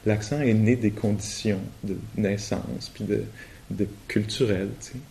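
A man with a Québécois French accent giving a relaxed, colloquial and humorous meditation talk at a retreat, often laughing. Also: fairly low pitch, unhurried, gravelly, slight background noise. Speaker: meditation teacher. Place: retreat hall.

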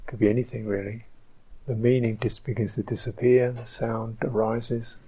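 Soft-spoken man giving a dharma talk. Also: mid-range voice, little pitch movement, breathy edge, poor audio. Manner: slow, reflective, soft-spoken with pauses. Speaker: meditation teacher. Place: retreat centre hall.

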